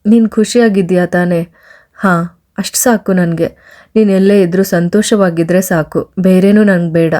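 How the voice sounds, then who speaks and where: A man's voice: sits high, steady tone, normal speed, darkish tone, natural voice. A woman voicing a bitter young man who teases and taunts his former love on a phone call, in a sarcastic way. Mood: teasing. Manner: teasing, sarcastic.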